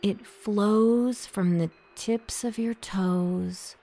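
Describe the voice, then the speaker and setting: A woman guiding a relaxation meditation in a soft, soothing voice that drops into a half-whisper. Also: medium pitch, fairly even intonation, very slow. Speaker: meditation guide. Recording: soft music behind the voice.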